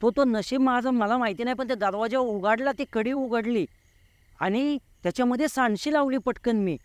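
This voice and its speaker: A man's voice: very high voice, normal speed, clear, resonant tone, no room sound. A man in his forties, a guest telling a true story in an interview, vivid and repeating words for effect.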